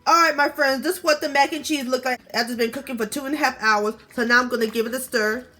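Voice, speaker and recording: A woman with a Southern US accent hosting a casual cooking video, expressive, with savoring exclamations and drawn-out words. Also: high voice, faint music behind. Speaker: cooking show host. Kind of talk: casual recipe narration.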